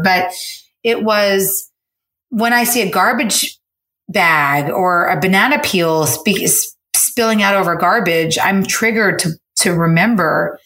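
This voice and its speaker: Brief: woman host, casual chat, expressive storyteller, roomy echo. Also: lowish voice. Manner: animated, storytelling, rapid shifts in pace.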